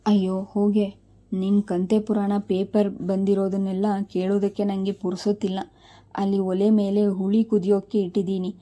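A woman voicing a busy middle-aged mother who scolds her daughter in a flat, dark, mellow voice. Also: medium pitch, moderate pace, close to an everyday voice. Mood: scolding. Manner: impatient, scolding.

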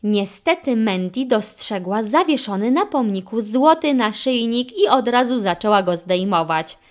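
Woman, children's audiobook narrator, a bit high-pitched, lively, expressive. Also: measured pace. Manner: expressive storytelling.

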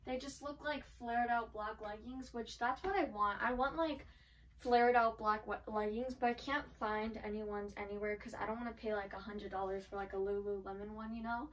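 A woman's voice: on the high side, steady tone, normal speed, distant mic, low-quality recording. A woman vlogger chatting casually through a try-on haul, filling her talk with frequent "like". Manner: chatty, filler-heavy with frequent "like". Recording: voice from away from the mic.

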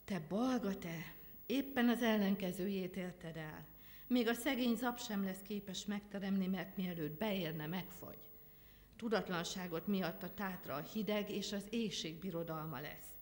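A stern, wrathful God thunders and scolds, played by a woman reading a folk tale. The voice rises high and loud at its peaks, and a long hall reverb rings after it. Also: natural voice. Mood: reproachful. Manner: booming, scolding.

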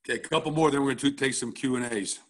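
A man's voice: mid-range voice, racing, fairly bright tone. A middle-aged man, a football coach, walking through game film at a coaching clinic in a blunt, casual way, checking in often with "all right?".

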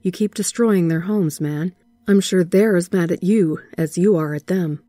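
A woman's voice: lowish voice, moderate pace, mellow, no echo, natural voice. A woman voicing a laid-back, teasing teenage boy in a horror story reading, in a casual, offhand way. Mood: easygoing. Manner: casual, offhand, says "man".

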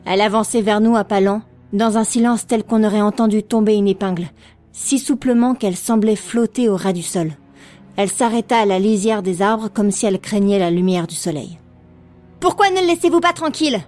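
Woman reading a novel out loud, steady and expressive, quiet music behind. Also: mid-range voice, brisk. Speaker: audiobook narrator. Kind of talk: scripted audiobook narration.

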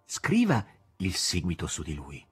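A man reading an audiobook, voicing a resigned middle-aged male writer in a quiet, hollow, subdued voice. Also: low voice, huge pitch swings, measured pace, husky, soft background music, heavily acted. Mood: gentle.

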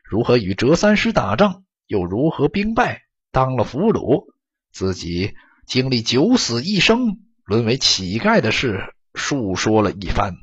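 A man narrating an audiobook story in an expressive, dramatic storytelling manner, on a dull lo-fi recording. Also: medium pitch, a little slow, breathy edge.

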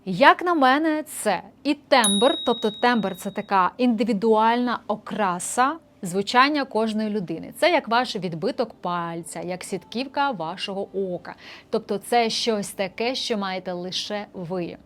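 A woman's voice: mid-range voice, measured pace, fairly bright tone. A young woman vocal coach in a casual lesson, explaining voice technique and breaking into short sung demonstrations. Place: indoor room with a street musician outside.

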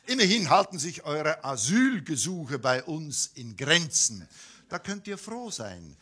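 A man's voice: fairly high pitch, bright, forceful tone, husky. A man from Switzerland, delivering a satirical cabaret monologue on stage in an ironic, mock-polite manner. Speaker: cabaret performer.

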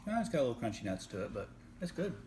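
A man's voice: medium pitch, sing-song, rapid-fire, background noise. A man with an East Tennessee accent, tasting snacks in casual chat, joking and hunting for words. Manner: joking, rambling, hunts for words. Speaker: co-host taste tester.

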